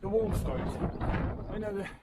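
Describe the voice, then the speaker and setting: A man's voice: high voice, lively intonation, normal speed. A man in his fifties, out of breath, chatting casually to camera while hiking up a windy hill on a clip-on mic. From England. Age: 50s. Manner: chatty, rambling asides to viewers. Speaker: wild camping vlogger. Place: outdoors on a windy hillside. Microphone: clip-on wireless mic. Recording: loud wind noise outdoors.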